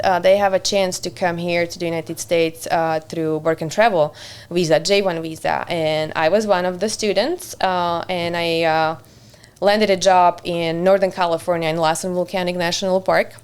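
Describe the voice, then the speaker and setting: A woman, a podcast guest who chats in a friendly way, laughs easily and often pauses on "uh". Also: on the low side, a little mellow, smooth. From Slovakia. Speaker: podcast guest, community center director. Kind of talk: casual interview chat.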